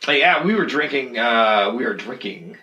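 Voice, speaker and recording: Bright-voiced laid-back man, off-mic. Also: medium pitch, lively intonation, normal speed, distant mic, lo-fi sound. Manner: laid-back, dry asides, swears freely. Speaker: podcast co-host. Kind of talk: casual chat.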